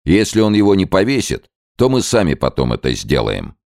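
A man voicing a hot-tempered hunter who shouts threats in a hoarse voice. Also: sits low, huge pitch swings, fairly quick, no echo, studio quality, voice pushed up, heavily acted. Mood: fierce.

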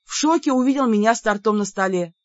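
A woman reads a fantasy novel aloud in the first person, telling the story in a lively way. The recording is dull and lo-fi with a dry, close sound. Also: on the high side, fast, no room sound. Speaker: audiobook narrator. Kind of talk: first-person fiction narration.

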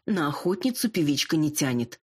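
Lady doing a bossy old dragon mom, husky, slow, scolding and ordering. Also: deep voice, big pitch swings, heavily acted. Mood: commanding. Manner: commanding, scolding. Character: domineering older dragon mother, fierce.

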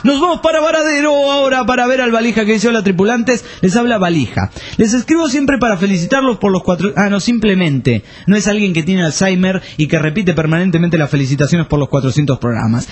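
A man's voice: high voice, brisk, hardly any pauses. A man hosting a radio show, reading listener messages aloud in a playful, joking way and laughing often.

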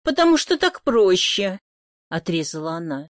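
A woman's voice: fairly high pitch, animated, moderate pace, no echo, studio quality, natural voice. A woman reading an audiobook voices a haughty, irritable woman who answers sharply and scornfully. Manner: sharp, scornful, snapping back. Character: haughty, irritable middle-aged woman, sister-in-law. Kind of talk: audiobook character voice.

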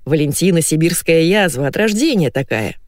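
A rough, mocking drinking buddy teases his friend in a pub, as a woman narrator puts him on. His voice is lively and loose. The recording is dry. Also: sits low, moderate pace, no room sound. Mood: teasing. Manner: rough, teasing.

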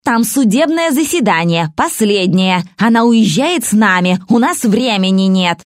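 A furious middle-aged mother in a storybook, put on by a woman reader, pushy and aggressive. Her voice climbs high and shrill, spitting demands in a dry close sound. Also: expressive, measured pace, no room sound, close to an everyday voice. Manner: shrieking, aggressive.

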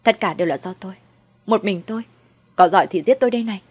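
A woman voicing a bitter, vengeful young daughter-in-law who shouts with resentment, in a storybook reading. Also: mid-range voice, fast talker, slightly rough, lightly acted. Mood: defiant.

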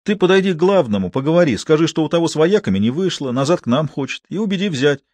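A man's voice: a little high, lively intonation, fast talker, a little mellow, no room sound, voice pushed up, natural voice. A man reading an audiobook, voicing a breezy, teasing male anesthesiologist who jokes with colleagues. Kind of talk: audiobook character voice.

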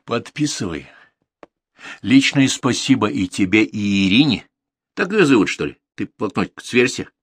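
Man playing a defiant young journalist, cool mocking calm, husky, lively lilt. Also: on the low side, moderate pace, no room sound, voice pushed up.

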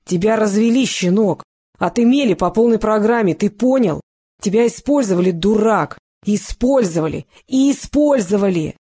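A reader voicing a cold, mocking male interrogator in an audiobook who needles and shouts down a suspect. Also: mid-range voice, lively intonation, a little fast. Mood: shouting. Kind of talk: audiobook character reading.

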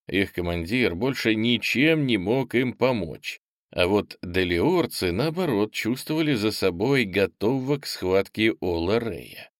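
A man reading a fantasy audiobook in steady, measured scripted narration. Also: on the low side, no echo, clean studio sound.

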